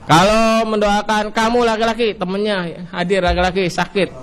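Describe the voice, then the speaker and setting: A man with an Indonesian accent teaching an Arabic grammar lesson, drilling each form with a rising cue and a falling answer, and drawing out the Arabic words slowly. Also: high-pitched, little pitch movement, a bit bright, clear, resonant tone. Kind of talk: classroom lesson.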